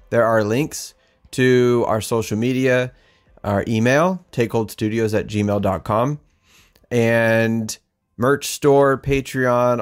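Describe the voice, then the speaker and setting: A man hosting a podcast in a casual, joking, chatty way. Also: mid-range voice. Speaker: podcast host. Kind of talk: casual chat.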